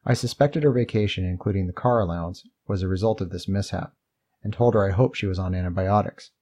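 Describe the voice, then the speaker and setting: Man, memoir reading, somewhat low voice, warm dark tone, steady measured narration. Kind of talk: first-person memoir reading.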